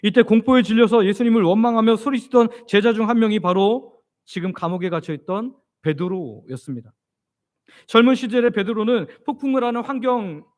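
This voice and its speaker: High-voiced Korean pastor preaching. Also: male voice. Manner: asks the congregation questions and answers them; leads the congregation in reading scripture aloud. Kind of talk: expository sermon.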